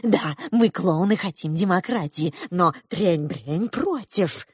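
A woman's voice: on the low side, animated, takes it slowly, husky, no echo, clean studio sound, exaggerated voice. A woman reading an audiobook, voicing a blunt old male clown.

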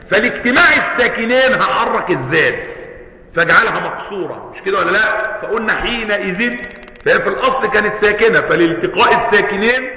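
A high, bright-voiced man with an Egyptian accent teaches in a classroom manner, pausing often to ask his listeners whether they follow. He recites verses between explanations. The recording is dull and lo-fi, with a long hall echo. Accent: Egyptian Arabic. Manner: asks students questions often; quotes and recites Quranic verses. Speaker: Islamic studies teacher. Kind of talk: recorded lesson.

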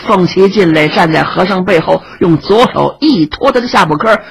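A woman narrating a traditional story, dramatic and vivid, with a raspy voice. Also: fairly low pitch, lively intonation, moderate pace, slight background noise, rough recording.

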